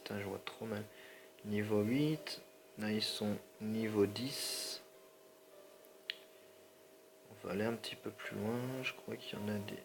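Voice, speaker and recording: Sore-throated and stuffy-nosed, this gaming channel host talks through his gameplay casually in a low, gravelly voice. Faint ambient hum sits behind his rambling, slang-filled asides and repeated apologies to viewers.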